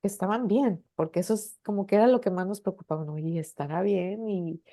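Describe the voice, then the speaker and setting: A middle-aged Mexican woman speaking as an interview guest, telling her own story in an earnest, halting way, with many restarts and tag questions. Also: mid-range voice, mellow. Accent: Mexican Spanish. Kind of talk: personal testimony in an interview.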